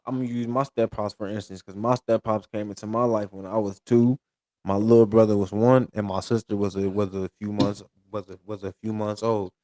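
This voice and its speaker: A man's voice: fairly low pitch, level tone, brisk, mellow, no echo. A man in casual podcast chat, rambling and repeating himself as he restarts his thoughts.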